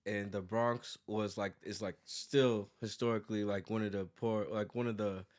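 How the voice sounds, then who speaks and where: Born in New York and raised in Virginia, this American man in his thirties, a graphic designer who runs his own business, speaks in a fairly low, slightly mellow voice at normal speed with fairly even intonation. As a casual interview guest he rambles, peppering his talk with "like" and restarting his thoughts.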